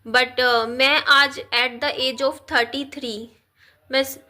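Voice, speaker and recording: A woman in her thirties, feeling unwell, talking slowly and quietly to her viewers in a personal vlog, recorded on a phone. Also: high voice, fairly even intonation. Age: 30s. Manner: slow, subdued, tired delivery. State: unwell and weak. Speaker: vlogger. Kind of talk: personal talk to camera.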